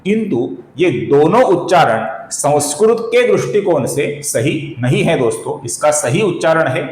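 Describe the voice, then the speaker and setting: A man teaching correct Sanskrit pronunciation in a lesson, explaining each syllable patiently and slowly chanting verses. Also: fairly high pitch, animated, a little mellow, roomy sound, poor audio. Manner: addresses viewers as friends, repeats corrections patiently.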